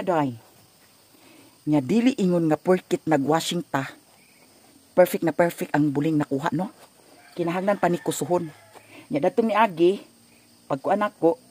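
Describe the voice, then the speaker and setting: A vlogger with a Cebuano accent chatting casually and jokingly while doing laundry, a little hoarse. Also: medium pitch, moderate pace, pauses often, darkish tone. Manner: joking, teasing, breaks into song.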